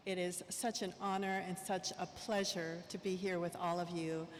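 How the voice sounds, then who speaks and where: A woman's voice: on the low side, flat delivery, moderate pace. A woman from Laos with a southern Lao accent, giving a keynote speech in a chatty, self-deprecating way into a handheld microphone. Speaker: keynote speaker. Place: large convention hall. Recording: echoey hall with faint room noise.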